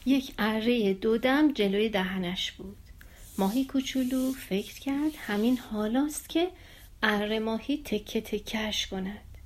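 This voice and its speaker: Woman, storyteller, children's story read aloud, calm and steady, fairly high voice.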